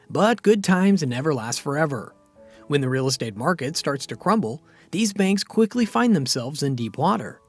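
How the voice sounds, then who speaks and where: Over quiet, soft background music, a man steadily narrates a scripted explainer about finance. His slightly high voice ranges lively in pitch as he explains.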